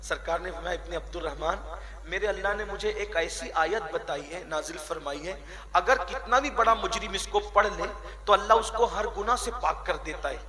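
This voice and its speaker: A man preaching a sermon at a religious gathering, telling a story with emotion, voicing its people and breaking into sudden shouts. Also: high voice, crowd noise. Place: outdoor gathering.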